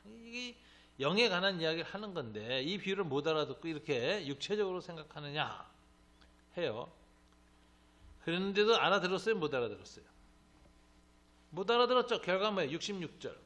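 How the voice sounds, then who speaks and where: A man teaching a Bible class as a pastor, lively and joking, acting out the voices of the people he quotes. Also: fairly high pitch, brisk, long pauses. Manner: animated, acts out quoted voices, joking asides.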